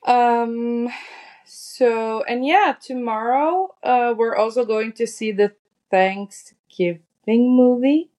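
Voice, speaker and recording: A woman's voice: a little high, slow pace, a little mellow. A woman co-hosting a podcast, upbeat and easygoing, chatting casually with lots of fillers over an online call. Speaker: podcast co-host. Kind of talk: casual chat.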